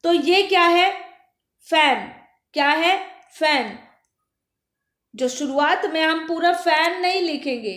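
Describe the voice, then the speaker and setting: High-voiced woman teaching phonics, echoey room. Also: a bit bright. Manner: asks questions and answers them herself, repeats words slowly. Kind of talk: primary school phonics lesson.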